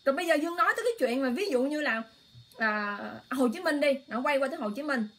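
A woman's voice: high-pitched, lively intonation, quick pace. A woman hosting an emotional political livestream, exclaiming often and speaking straight to her viewers in a heated, impassioned way. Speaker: online livestream host.

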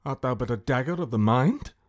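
A man's voice: medium pitch, animated, fairly quick, close to an everyday voice. An actor playing Macbeth, a tormented nobleman turned murderer, declaiming Shakespearean verse in a classical radio drama. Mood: grim, haunted. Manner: brooding, theatrical declamation.

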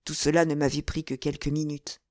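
A woman narrating an audiobook in a measured, even storytelling manner. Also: deep voice, no echo, clean studio sound. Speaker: audiobook reader.

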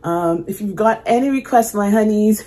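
A woman hosting a music reaction video, talking in an earnest, reflective way with halting restarts, emotional and choked up. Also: medium pitch, mellow. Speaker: music reaction channel host. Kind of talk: casual reaction commentary.

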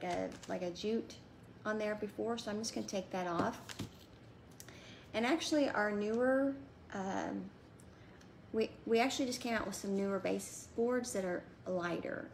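A woman in her thirties chats casually through a home craft how-to at a table, talking while she works with her hands. Her voice is medium-pitched with vocal fry, and there's slight background noise.

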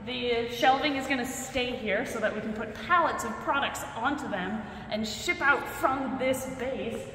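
With a fairly high pitch and a slightly slow pace, a young woman leads an excited, animated vlog tour through a big empty warehouse and bare rooms. She projects for the camera, whose mic sits a short distance away. The recording carries noise and plenty of echo from the empty interior.

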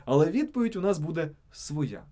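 Lively, mellow-voiced male narrator. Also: a little high, a little fast. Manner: emphatic, word-by-word reading of examples. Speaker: channel narrator. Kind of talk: scripted narration.

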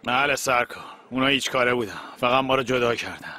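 A man dubbing a rowdy young male thug who talks in a brash, rough way. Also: mid-range voice, bright, forceful tone, close to an everyday voice. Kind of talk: dubbed TV drama dialogue.

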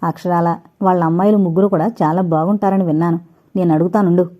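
A woman voicing a sensible, firm young man who speaks calmly, in an audiobook reading. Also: on the low side, fast, dull audio, natural voice. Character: sensible, stern young man, elder brother.

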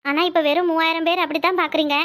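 A woman's voice: very high-pitched, fairly even intonation, racing, a bit bright. A woman with a Kanyakumari Tamil accent, a cartoon channel creator chatting directly to viewers. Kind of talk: channel outro chat.

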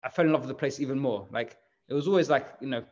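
A man's voice: medium pitch, rapid-fire. Guy in his 30s chatting on a video call, lots of restarts and laughing, kinda muffled audio. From England. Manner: rambling, self-interrupting, laughs often. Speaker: bakery managing director, guest. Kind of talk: casual interview chat. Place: room at home.

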